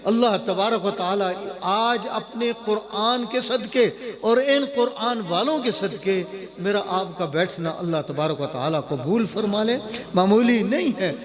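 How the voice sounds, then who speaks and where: A man, a cleric, preaching an emotional sermon and repeating phrases for emphasis. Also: high voice. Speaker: Islamic cleric addressed as maulvi. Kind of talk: emotional Islamic sermon to a gathering. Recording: live sermon with crowd noise behind.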